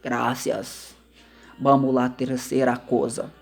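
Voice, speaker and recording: A man from Argentina, teaching vocabulary in a slow, repetitive way and mixing in words. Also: mid-range voice, level tone, gravelly, over music. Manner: slow, repetitive, mixes Spanish into Portuguese. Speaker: language teacher. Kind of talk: casual vocabulary lesson to camera.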